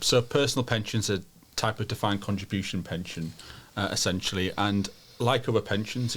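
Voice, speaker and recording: A man speaking as an adviser on a podcast, explaining technical points informally and methodically. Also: lowish voice. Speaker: financial adviser, podcast guest.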